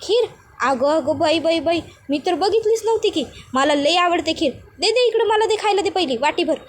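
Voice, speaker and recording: Woman plays a nosy rustic older aunt, high, excitable. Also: normal speed. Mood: eager. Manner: rustic village speech, excitable.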